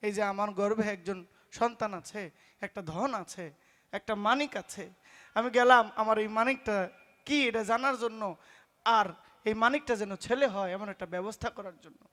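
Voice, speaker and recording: A man with a tells a religious story on stage in pala gaan style, loud and emphatic, acting out the voices of its people. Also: sits high, normal speed. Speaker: folk singer preaching a story. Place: stage at a live folk performance.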